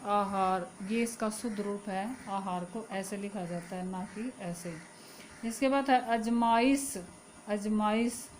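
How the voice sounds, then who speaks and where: Brief: female teacher voice, mid pitch, patient drilling delivery, addresses students as children. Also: darkish tone, poor audio. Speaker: Hindi grammar teacher. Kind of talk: classroom-style lesson.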